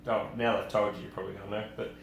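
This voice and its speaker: A man's voice: fairly low pitch, flat delivery, very fast, gravelly, reverberant, crowd noise. A man co-hosting a casual podcast with friends, calling out from away from the microphone. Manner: calling out from a distance. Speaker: podcast co-host.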